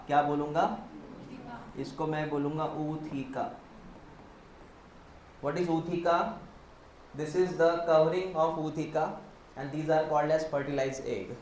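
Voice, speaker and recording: Male biology teacher, slightly high voice, quizzing lecture style, echoey classroom with faint noise. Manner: explains step by step, quizzing students and answering himself; mixes Hindi with English terms, spells words out.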